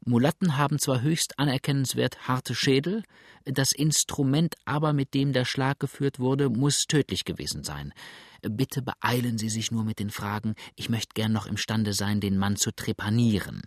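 A man voicing a small, brisk, callous male country doctor who talks in a clinical, eager way and often exclaims. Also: mid-range voice, no room sound, studio quality, close to an everyday voice.

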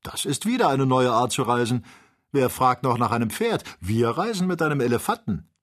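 A man voicing an excitable young male servant who shouts with cheerful glee in an audiobook. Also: medium pitch, a little fast, voice pushed up. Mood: jubilant. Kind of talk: audiobook character voice.

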